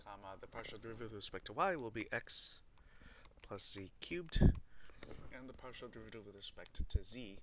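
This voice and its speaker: A man's voice: on the low side, animated, moderate pace, crowd noise. A man teaching math at a board, explaining and dictating notation piece by piece as he writes it out. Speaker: math teacher giving a lecture. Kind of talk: board lesson, explaining while writing out notation.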